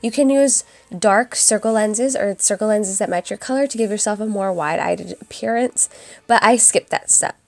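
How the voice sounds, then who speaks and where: A young woman with a raspy, hoarse voice from a cold, chatting casually through a makeup tutorial voice-over. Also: mid-range voice, normal speed, dry recording. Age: young adult. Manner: chatty and upbeat, addresses viewers as guys. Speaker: beauty vlogger. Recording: voice-over with faint music behind.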